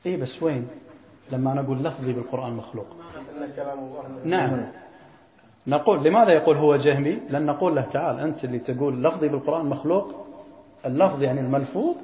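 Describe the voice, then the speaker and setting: Brisk sheikh, fairly high voice, quizzes his class, echoey lo-fi hall recording. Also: expressive, warm tone. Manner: quizzes students, repeats key phrases. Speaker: sheikh teaching a creed text. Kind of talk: classroom lesson.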